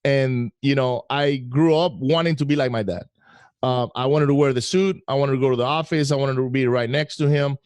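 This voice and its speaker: A middle-aged man from Venezuela telling his story as a guest, animated and laughing now and then. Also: medium pitch, fairly quick, clear, resonant tone, no room sound. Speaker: podcast guest. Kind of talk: casual interview storytelling.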